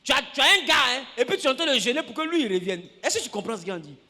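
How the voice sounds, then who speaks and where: Pastor, man, very high lively voice, long church hall echo. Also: racing. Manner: animated, acts out scenes, shouts and laughs with the congregation. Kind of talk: lively sermon.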